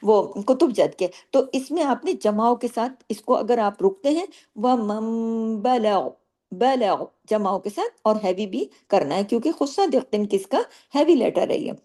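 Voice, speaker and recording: Female tajweed teacher, slightly high voice, patient step-by-step explanations, poses her own questions and answers them, slow drawn-out recitation between points. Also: expressive, warm tone.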